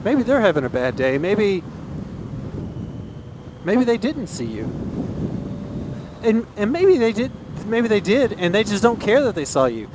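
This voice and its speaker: A man's voice: sits high, big pitch swings, a little slow, pauses often. A man talking casually and earnestly from inside a motorcycle helmet, giving his opinion as he rides and repeating phrases for emphasis. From Texas, USA. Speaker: motovlogger. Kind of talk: casual opinion monologue while riding. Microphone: helmet microphone. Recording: inside a helmet, loud wind and engine noise.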